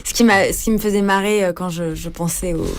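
A woman author talking casually about writing her novel, soft and halting. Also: fairly low pitch, fairly even intonation. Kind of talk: casual interview.

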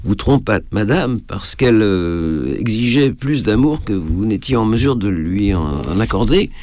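A man reading aloud as a pompous divorce judge with an oily, ingratiating manner, hemming over delicate questions. The low voice moves animatedly through its phrases. The sound is dry and close. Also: lively intonation, unhurried, darkish tone, no room sound. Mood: probing. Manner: unctuous, hesitant with fillers. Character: pompous, prying middle-aged male divorce judge. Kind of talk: storybook reading.

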